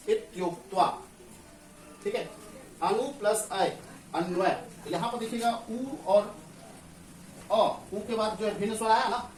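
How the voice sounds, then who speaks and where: This is a high-voiced man teaching Hindi grammar in class, one step at a time, frequently asking questions only to answer them himself. He comes from Bihar, India. The mic sits at a distance in an echoey room, with a bit of background noise.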